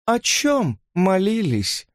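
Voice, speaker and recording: Casting: sarcastic lounging woman played by a man, cold drawl, raised pitch, dry close sound. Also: huge pitch swings, slow pace, no echo, exaggerated voice. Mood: incredulous. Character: languid, scornful grown woman, sharp-tongued.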